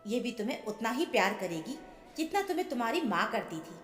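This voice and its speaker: Soft-spoken older aunt, as a woman narrator puts her on, coaxing, lowered voice, echoey reverb. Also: very animated, fairly quick, faint music behind. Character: older woman, the family's aunt, gently persuasive.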